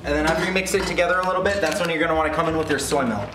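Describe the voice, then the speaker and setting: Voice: medium pitch, very fast, distant mic, heavy background noise. Tipsy, sweary home cook in a roomy kitchen. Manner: tipsy, rambling, crude swearing. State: drunk. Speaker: home cook hosting a cooking show. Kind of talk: casual cooking tutorial to camera, profane. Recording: roomy kitchen, off-mic, loud music behind. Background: loud music, sizzling pan.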